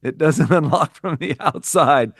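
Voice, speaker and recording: This business coach from the U.S. has a slightly high, creaky, husky voice and an unhurried delivery. As a podcast guest in a conversational interview, he speaks earnestly and reflectively, prone to restarts and repeated phrases. The sound is clean studio audio with no room tone.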